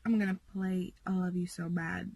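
A woman's voice: lowish voice, little pitch movement, moderate pace, vocal fry, very noisy. A teenage girl from Latvia chatting casually in a vlog, filmed on a phone in a parked car. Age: teens. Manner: chatty, gestures a lot while talking. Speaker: vlogger. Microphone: phone camera at arm's length.

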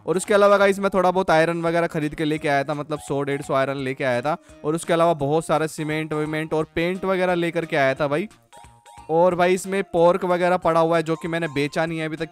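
A man giving casual, chatty commentary over his farming game, constantly addressing his viewers as friends. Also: a little high. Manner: chatty, keeps calling viewers "guys" and "bhai". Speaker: gaming channel host.

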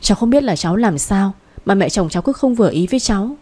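A woman voicing a timid young pregnant wife who speaks softly and coaxingly. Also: mid-range voice, expressive, fast, natural voice. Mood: pleading. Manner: soft, coaxing.

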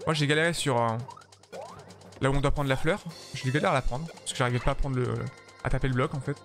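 A man's voice: mid-range voice, fairly even intonation, fast, fairly bright tone, soft background music. A tired man chatting casually with his viewers while streaming a game, joking and swearing freely. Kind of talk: casual live-stream commentary while playing.

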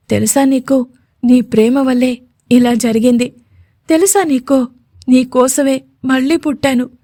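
A woman's voice: high voice, darkish tone, no room sound, studio quality. A woman voicing a young woman in love who cries and pleads with her sweetheart in short, broken phrases, trembling as she talks. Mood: tearful tender. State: crying.

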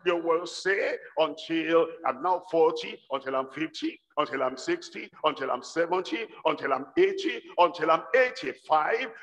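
An older man preaches at a lectern in a large church hall, his lines repeating in a steady rhythm and swelling into shouts. His voice sits a little high. The sound is a dull livestream capture with long reverb from the hall. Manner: rhythmic, repetitive exhortation building to shouts. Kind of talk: sermon.

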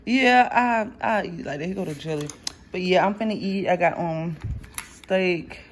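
A young vlogger from Florida, US, speaks at normal speed in a lowish voice, chatting casually about her food and her day. Addressing viewers straight on as "y'all," she records on a phone camera held at arm's length, and the audio comes through noisy.

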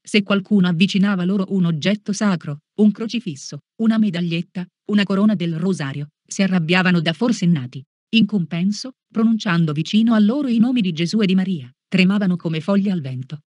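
A catechist reading a religious lesson aloud in a slow, measured, solemn way. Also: mid-range voice, darkish tone, no room sound.

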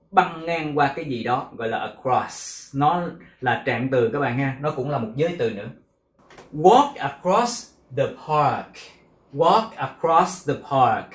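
A man teaching English pronunciation, repeating words slowly and carefully, syllable by syllable, then explaining their meaning. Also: medium pitch, a bit bright, echoey room. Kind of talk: pronunciation lesson with repeated drills.

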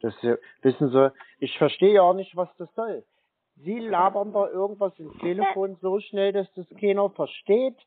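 Here a high-pitched man speaks at a moderate pace, pretending to be a dissatisfied customer on the phone. He scolds and insists at great length, and the call recording has a thin, tinny, phone-like quality.

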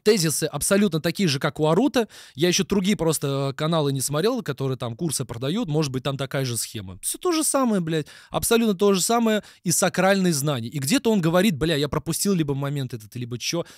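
A man's voice: a little high, expressive, fast talker, few pauses, dry recording, clean studio sound. A man streaming live, ranting and mocking with constant swearing. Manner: heavy swearing, mocking, ranty. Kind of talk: live stream reaction rant.

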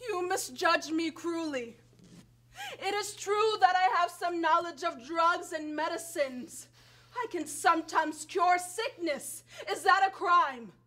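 A woman's voice: very high-pitched, slow, fairly bright tone, heavily acted. A young woman acting a wronged, vengeful foreign princess on stage, speaking with impassioned, tearful bitterness. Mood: pleading. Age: young adult. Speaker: student stage actor.

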